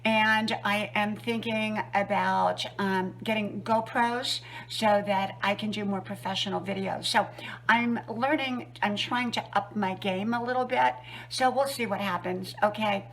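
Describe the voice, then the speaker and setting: A woman in her sixties vlogging casually while out on a run, chatty and reflective, offering gentle homespun advice outdoors. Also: medium pitch, steady tone, a little slow, a little hiss or hum, poor audio. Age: 60s. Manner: chatty, reflective, talking while running at an easy pace. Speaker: vlogger with a wisdom channel. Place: outdoors on a trail and roadside.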